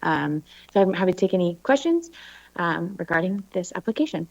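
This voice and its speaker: A woman with a slightly low voice, muffled by a face mask, gives a formal staff report to a committee. She speaks in a halting, hesitant way, and the recording is dull. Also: big pitch swings, gravelly, a little mellow. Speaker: planning staff presenter. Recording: dull muffled meeting audio.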